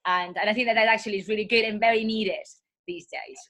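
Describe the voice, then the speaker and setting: Husky-voiced woman with a cold. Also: fairly high pitch, steady tone, fast talker. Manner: meandering, full of soft fillers and restarts. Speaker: yoga teacher and coach, interview guest. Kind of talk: casual interview talk.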